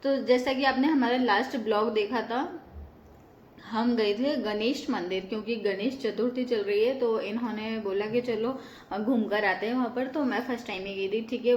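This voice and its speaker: A woman's voice: on the high side, roomy sound, slight background noise. A woman hosting a casual home vlog, chatting to viewers and explaining at length with many fillers. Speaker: vlogger host. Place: home balcony.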